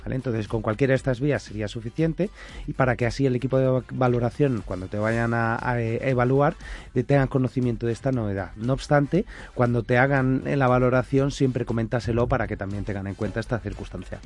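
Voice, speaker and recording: A man calmly explaining a procedure on the radio. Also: medium pitch. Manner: measured, advisory.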